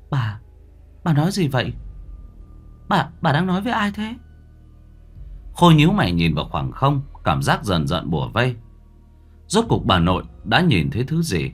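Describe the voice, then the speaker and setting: A man narrating a ghost story in a dramatic, expressive way. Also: low-pitched, slightly rough.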